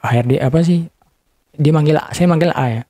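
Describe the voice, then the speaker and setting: A young man recounts a painful chapter of his life in an interview. His voice is soft and dark, and the recording sounds dry and close. He speaks haltingly, repeating and restarting his words. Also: fairly high pitch, no room sound. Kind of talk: emotional personal storytelling.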